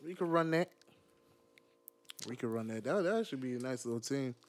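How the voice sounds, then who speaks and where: A man hosting a laid-back podcast, ribbing his friend with plenty of laughter and profane slang. His pitch swings widely as he jokes. He sounds relaxed and playful. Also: normal speed. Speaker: podcast host. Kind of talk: casual chat.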